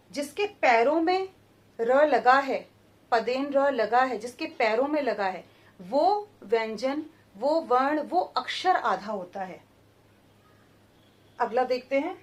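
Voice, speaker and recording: A woman teaching a grammar lesson to children in a high, clear voice. She speaks slowly and deliberately, repeating each word and sounding out its syllables one at a time. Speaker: Hindi teacher.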